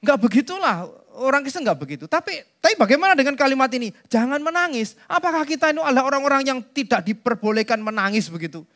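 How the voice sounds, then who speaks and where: A man's voice: extremely high pitch, very animated, quick pace, a bit bright. A man preaching a sermon as pastor, talking conversationally to the congregation and slipping into asides. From Indonesia. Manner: conversational preaching, addresses congregation directly, drops into Javanese asides.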